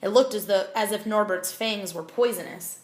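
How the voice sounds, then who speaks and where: A woman reading a children's novel aloud, with expressive, clear storytelling. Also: medium pitch, normal speed, reverberant. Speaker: audiobook reader.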